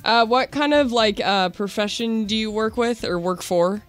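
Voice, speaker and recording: An American man with a very high-pitched voice co-hosts a radio show. He banters casually over faint music. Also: normal speed, fairly bright tone, clean tone. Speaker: radio co-host. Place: radio studio.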